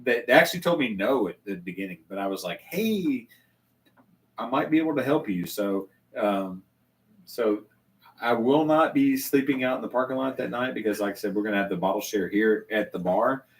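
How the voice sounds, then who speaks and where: A man's voice: lowish voice, a little fast, recorded from a distance, rough recording. An older man hosting a casual live chat from his home bar, rambling with many restarts and fillers. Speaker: channel host.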